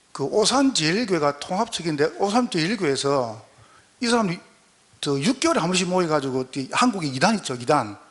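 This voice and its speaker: A man's voice: mid-range voice, a bit bright. A man with a Gyeongsang accent, a pastor giving a folksy, joking lecture at a training session. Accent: Gyeongsang dialect.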